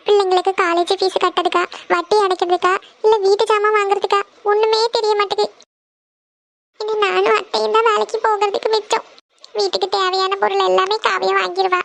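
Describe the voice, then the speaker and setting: A woman's voice: very high-pitched, level tone, a little fast, gravelly, dry recording. A woman voicing a worried poor mother of five daughters in a cartoon family serial, talking anxiously. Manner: anxious, pleading.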